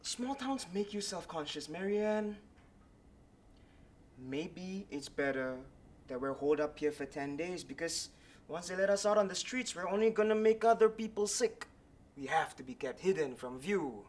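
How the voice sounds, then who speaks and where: An actor playing a bitter, sarcastic husband in a stage play, speaking with biting mockery. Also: male voice, sits high, animated, moderate pace, slight background noise. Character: bitter husband in mixed marriage, sardonic. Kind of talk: stage acting.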